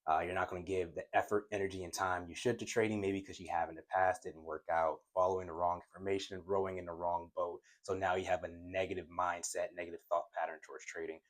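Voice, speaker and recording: A man's voice: sits low, fast, hardly any pauses. A man teaching trading at a whiteboard in a casual way, who stutters and talks straight to his viewers. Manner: stutters when excited, talks to viewers as guys. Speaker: trading coach.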